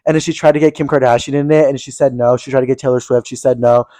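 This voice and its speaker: Fast-talking gossipy young man. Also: mid-range voice, fairly even intonation, dark tone, dry recording. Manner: gossipy, says "like" constantly. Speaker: podcast co-host. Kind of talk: casual chat.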